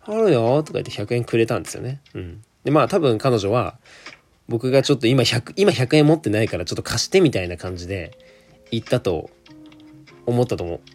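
A man's voice: medium pitch, expressive, fairly quick, soft background music. A young man, telling a work story in a chatty solo monologue full of asides. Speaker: solo podcaster. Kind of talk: casual monologue.

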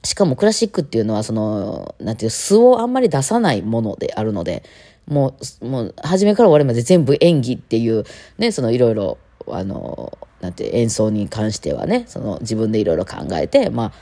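A woman's voice: very deep voice, very animated, fairly quick, warm tone. A woman with a Kansai accent, a violinist, chatting casually and rambling on her own talk show, with playful mimicry. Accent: Kansai Japanese. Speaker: violinist and podcast host.

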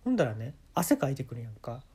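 A man with a Kansai accent telling comic stories in a solo monologue, deadpan with sudden animated jumps. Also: medium pitch, quick pace, husky. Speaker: podcast host.

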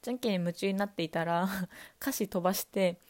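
Mellow-voiced young woman chatting calmly. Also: medium pitch, brisk. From Kanto, Japan. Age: young adult. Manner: calm, casual, talking straight to listeners. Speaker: university student podcaster. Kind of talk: solo chatty monologue.

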